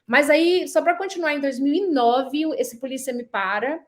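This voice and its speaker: Animated woman telling a story. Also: sits high, moderate pace. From Brazil. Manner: animated, acts out quoted dialogue. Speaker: guest. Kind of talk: casual interview storytelling.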